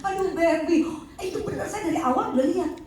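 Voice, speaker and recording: Animated woman teaching in an echoey hall. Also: very high voice, fast, slight background noise. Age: middle-aged. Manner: animated, acts out patients' voices. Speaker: counselor giving a talk. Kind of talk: teaching talk to a group. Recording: echoey hall, mic at a distance.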